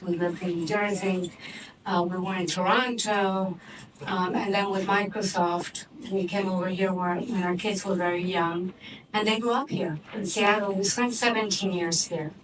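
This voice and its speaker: Heard from afar over room noise, this medium-pitched guest is a woman in her 60s, Cuban-born and Miami-raised, with a Cuban Spanish accent. She's a board member and investor chatting on stage at a fireside event before a live audience in an office space, unpolished and prone to fillers and restarted sentences.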